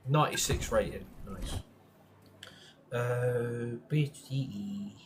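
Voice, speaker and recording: A man's voice: medium pitch, slow pace, a little hiss or hum. A man hosting a gaming channel, giving casual gameplay commentary while grumbling and swearing in frustration at home.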